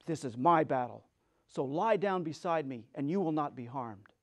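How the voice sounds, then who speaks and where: A man's voice: a little high, expressive, normal speed, pitched below the performer's own voice. A man acts out a scarecrow from a children's storybook. He sounds brave and protective, taking charge and reassuring his companions as he instructs them. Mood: steady, brave. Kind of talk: dramatic storybook reading.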